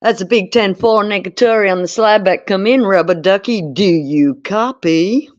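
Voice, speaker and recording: A woman's voice: mid-range voice, normal speed, lo-fi sound, voice pushed up, lightly acted. A woman with an Australian accent playing a brash male American race-team radio man in an exaggerated put-on drawl. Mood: joking.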